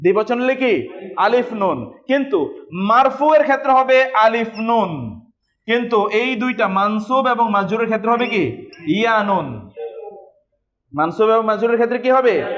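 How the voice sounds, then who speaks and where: A man teaching Arabic grammar to a class, asking questions, repeating words slowly and prompting students to answer. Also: high-pitched, lively intonation. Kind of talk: classroom lesson with call-and-response drilling. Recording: dull lo-fi recording.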